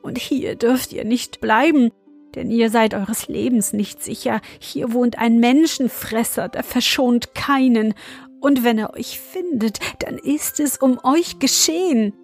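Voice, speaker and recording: A woman reading as a brisk young fairy-tale wife. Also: on the high side, a little mellow, faint music behind, pitched above the performer's own voice. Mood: warning. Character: kind, brisk young woman in the ogre's house.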